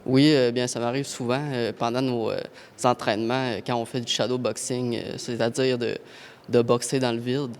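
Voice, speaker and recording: A man, an amateur boxer answering simply and haltingly. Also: medium pitch, little pitch movement.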